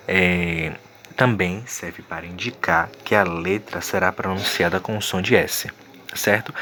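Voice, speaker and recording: A man's voice: mid-range voice, fairly bright tone. A man teaching a recorded video lesson, explaining patiently and checking in often with his students. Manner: explanatory, repeats points with frequent "tá certo?".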